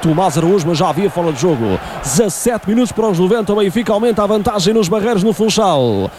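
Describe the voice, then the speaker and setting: A man's voice: high voice, expressive, fast talker, background noise. A man with a European Portuguese accent calling a football match live on the radio.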